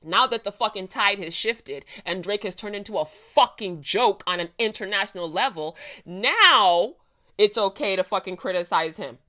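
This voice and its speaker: A woman's voice: mid-range voice, expressive, normal speed, bright, forceful tone. A woman hosting a reaction video, ranting bluntly and emphatically, with lots of swearing. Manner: blunt, profane, emphatic rant. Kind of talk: casual reaction commentary.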